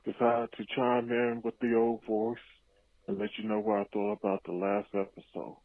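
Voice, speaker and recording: A man's voice: fairly low pitch, level tone, normal speed, dry recording. A man leaving a casual, laid-back voicemail for a podcast, giving hyped reactions to a show. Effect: played voicemail over phone line. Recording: tinny, dry phone-line voicemail.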